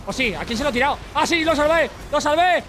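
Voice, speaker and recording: A man giving excited gameplay commentary as channel host, shouting and swearing often. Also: extremely high pitch, fast.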